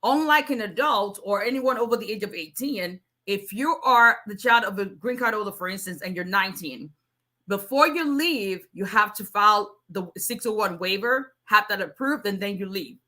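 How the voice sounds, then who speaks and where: Her voice is medium in pitch, pushed and bright, at a moderate pace. She's a Nigerian immigration attorney in her forties answering viewers in a casual live Q&A, chatty and strong-voiced, with frequent restarts.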